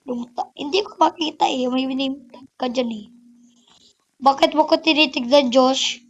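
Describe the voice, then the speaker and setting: A woman giving excitable, chatty commentary on her online game as a YouTuber, full of exclamations. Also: high voice, normal speed, highs cut off. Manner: excitable, chatty, code-switching, frequent exclamations. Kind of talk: casual gameplay commentary.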